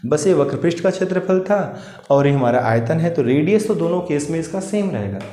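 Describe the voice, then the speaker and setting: A man's voice: on the high side, lively intonation, fairly quick, dark tone, roomy sound. A male maths teacher taking exam students through volume problems step by step. He often asks a question and then answers it himself, and keeps calling his students "children". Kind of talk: exam-prep maths lesson.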